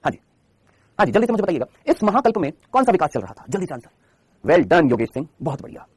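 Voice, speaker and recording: A man's voice: a little high, very animated, fast, a little mellow, breathy edge, no room sound. A man teaching a live online biology class in Hindi, quizzing his students with constant rhetorical questions and answering them himself.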